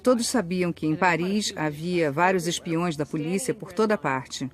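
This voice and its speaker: A woman dubbing an interviewed expert, speaking in a steady, explanatory way in a studio voice-over. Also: on the low side, normal speed.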